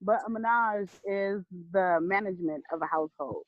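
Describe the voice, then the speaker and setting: A woman with a mid-range voice talks about her podcast in a casual interview at a moderate pace, laughing a lot and cursing freely. There's no room sound, though the video or phone call line sounds tinny.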